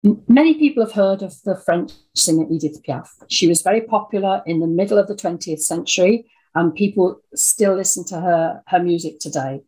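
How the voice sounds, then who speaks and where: Speaking with a brisk, fairly low voice that is mellow with a breathy edge, this woman from Birmingham in the English Midlands shares stories as a guest in a casual interview. She is 60 or older, writes audio drama, and has an English accent. The audio quality is poor.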